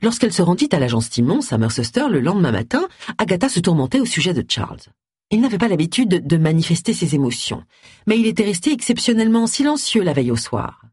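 An audiobook narrator reading a novel in an expressive storytelling manner. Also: medium pitch, fast talker, husky, dry recording, studio quality. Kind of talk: scripted narration.

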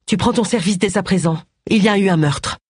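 A reader voicing a brusque, sharp-tongued woman amateur sleuth in an audiobook, speaking in a raised, urgent voice. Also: mid-range voice, a little fast, husky, no room sound, studio quality, voice pushed up, close to an everyday voice. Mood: grim.

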